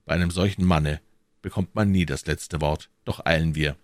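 A man's voice: a bass voice, steady tone, moderate pace, no room sound. A man voicing a proud, defiant musketeer captain who speaks in a firm, unyielding way.

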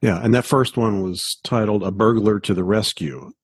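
A man's voice: lowish voice, moderate pace, husky, no echo, clean studio sound. A man hosting a casual podcast discussion, prompting his guest and summarizing. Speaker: podcast host.

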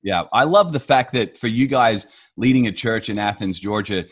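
A man's voice: on the low side, normal speed, slightly rough. Upbeat Australian man hosting a podcast. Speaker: podcast host. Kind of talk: podcast interview.

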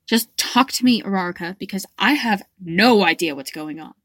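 A brash, burly young male hero, read by a woman, blunt and cocky in every line. Her voice sits at a middle pitch, recorded close and dry with no room sound. It is an audiobook reading of fan fiction. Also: animated, moderate pace, a bit bright, no room sound.

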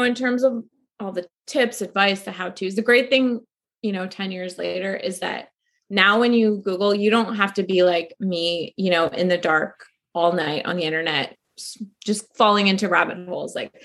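A woman's voice: medium pitch, moderate pace, fairly bright tone. A woman, a guest author, answering in a casual interview chat with lots of "like" and "you know". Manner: chatty, many "like" and "you know" fillers.

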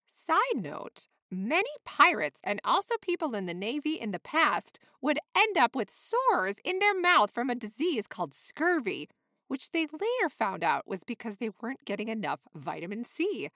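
A woman's voice: on the high side, big pitch swings, normal speed, sharp tone, dry recording, studio quality. A woman leading a cheerful children's lesson, playfully demonstrating movements and counting aloud. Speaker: children's movement and music teacher.

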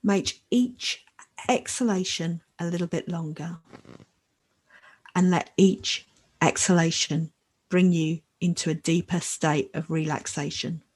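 A woman leading a guided meditation in a soft, soothing, measured voice with long pauses. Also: lowish voice, breathy edge. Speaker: podcast host leading a meditation.

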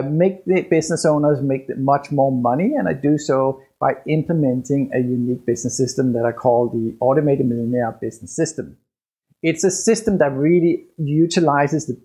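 A man with a noticeable Danish accent talks through his own business podcast, pausing and restarting as he goes. His voice sits at an ordinary pitch and carries a husky, slightly rough edge. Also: dark tone. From Denmark. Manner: hesitant, with fillers and restarts, conversational. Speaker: podcast host and business coach. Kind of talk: solo podcast monologue.

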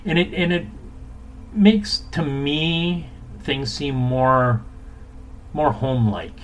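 A man's voice: a little high, slow. A man hosting a podcast, chatting casually as a bartender talking shop. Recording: clear background noise.

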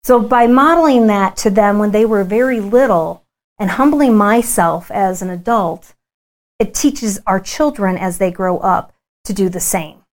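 A woman's voice: medium pitch, animated, a little slow. A woman, candidly telling personal family stories in a conference talk.

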